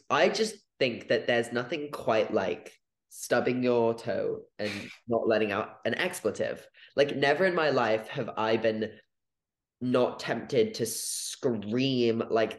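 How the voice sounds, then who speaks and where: Young male podcast co-host, casual and playful, reverberant room. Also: mid-range voice. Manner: chatty, many fillers, playful. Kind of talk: casual debate chat.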